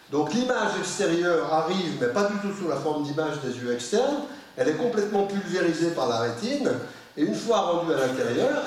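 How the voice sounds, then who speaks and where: A man giving an informal public science lecture, lively and chatty, with asides and quiet muttering to himself. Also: a little high. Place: large public lecture room. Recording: very echoey hall, voice picked up from far.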